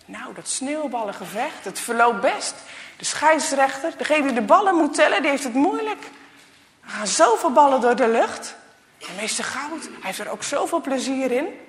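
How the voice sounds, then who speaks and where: A woman reading a children's story aloud, lively with hushed asides. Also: sits high, moderate pace. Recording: long reverb.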